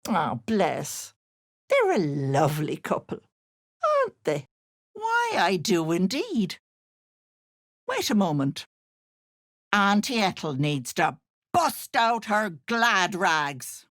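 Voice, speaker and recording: A woman's voice: fairly low pitch, huge pitch swings, takes it slowly, pauses often, fairly bright tone, dry recording, studio quality, full character voice. A woman playing a sly, wicked old hag in a video game, posing as a sweet auntie, with cloying endearments laid over gloating menace. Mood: syrupy teasing. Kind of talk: video game character voice acting.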